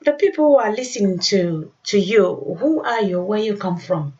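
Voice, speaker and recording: A woman's voice: mid-range voice, animated, normal speed, darkish tone. Emphatic woman radio host, dull lo-fi sound. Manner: emphatic, repeats phrases. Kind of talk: exhortatory religious radio introduction.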